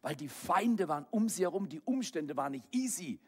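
A man preaching a sermon, moving between quiet low asides and loud raised passages. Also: very animated, fairly quick, husky. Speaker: pastor.

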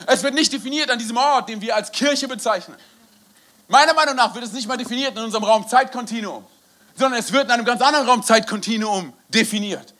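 Bright, high-voiced young male preacher. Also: fast. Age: young adult. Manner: animated, laughs often, peppers speech with "hey". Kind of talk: lively storytelling sermon.

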